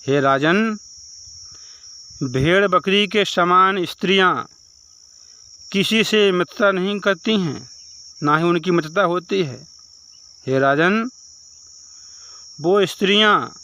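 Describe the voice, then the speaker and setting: A cold, aloof celestial nymph speaks down to a king in a retold legend, lecturing and repeating her address to him, as a man puts her on. The voice is smooth and clear, a little high, and paced slowly and deliberately. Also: bright, forceful tone.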